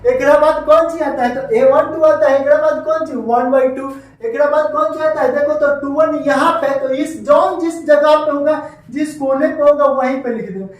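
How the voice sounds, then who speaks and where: High-voiced Bihari maths teacher, echoey room. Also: male voice, steady tone, normal speed, far from the mic. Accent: Bihari Hindi. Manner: repetitive, voices students' questions back to them. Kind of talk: classroom maths lesson.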